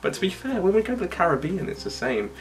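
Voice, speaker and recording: A man's voice: high voice, very animated, quick pace. A man co-hosting a casual review vlog, teasing and wry. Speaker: vlogger co-host.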